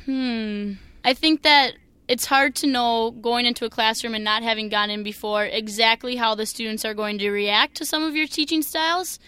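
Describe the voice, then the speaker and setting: A young woman from Minnesota with a Minnesotan accent, answering interview questions as a new teacher, energetic and earnest. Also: a little high, normal speed, smooth, dry recording.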